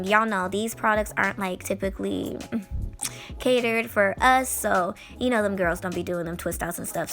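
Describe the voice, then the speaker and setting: Female beauty vlogger, casual and chatty, mid-pitched, slightly hoarse with a cold, light music bed behind. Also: a bit bright. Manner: chatty, informal. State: recovering from a cold. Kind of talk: casual product review voice-over. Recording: faint music under voice. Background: faint music.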